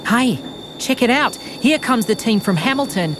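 Woman as a breezy, high-voiced young male racer. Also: lively intonation, measured pace. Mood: breezy, confident. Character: confident, easygoing young male racer, practical. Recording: clear background noise, vehicles and ambience.

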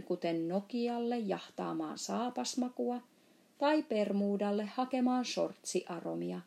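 A woman's voice: medium pitch, gravelly, warm tone, natural voice. Woman playing a friendly giant with mangled words. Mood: playful. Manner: mangled words, playful boasting. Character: big friendly male giant, odd grammar. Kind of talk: storybook reading.

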